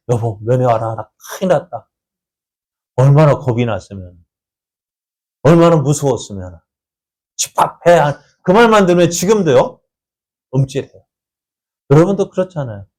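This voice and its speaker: A man's voice: on the high side, darkish tone. A man pastor preaching a sermon in a church, asking the congregation rhetorical questions.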